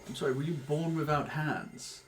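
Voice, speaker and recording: A man's voice: on the high side, fairly even intonation, moderate pace, soft background music, voice pushed up, lightly acted, low-quality recording. A man voicing a haughty, menacing guardian of a treasure hoard in a tabletop game, formal, curt and condescending. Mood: dismissive, sardonic.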